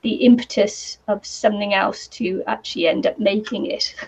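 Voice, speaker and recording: On a live craft stream, a woman with a New Zealand accent chats casually while crafting, rambling with plenty of ums and small laughs; her mid-range voice is croaky today from the heat. Her tone is steady and a little mellow at a normal speed, picked up by a computer or camera mic with a fan nearby, giving a slightly dull lo-fi sound.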